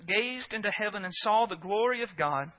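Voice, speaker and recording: A man's voice: sits high, expressive, normal speed, highs cut off. A man preaching a sermon as pastor, earnest and emphatic, often asking his listeners rhetorical questions.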